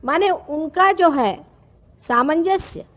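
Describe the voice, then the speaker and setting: A woman, giving a slow, explanatory spiritual discourse with pauses. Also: very high voice, animated, fairly bright tone. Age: 50s. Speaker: spiritual teacher. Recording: archival talk recording.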